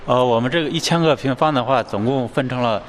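A man's voice: medium pitch, moderate pace. A man acting as company guide, plainly explaining the facilities on a tour. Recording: busy crowd noise behind.

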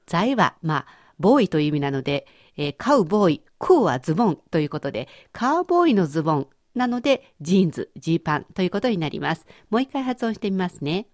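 A woman leading a radio language lesson who explains words clearly and patiently. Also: fairly low pitch, sing-song, fast, hardly any pauses, darkish tone, no room sound, clean studio sound. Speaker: language teacher.

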